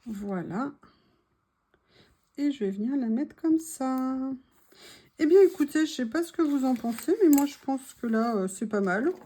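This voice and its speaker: A woman's voice: sits high, lively intonation, measured pace, long pauses, mellow, a little hiss or hum. A woman narrating her journal crafting casually, chatty and hesitant as she describes each step. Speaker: journaling vlogger.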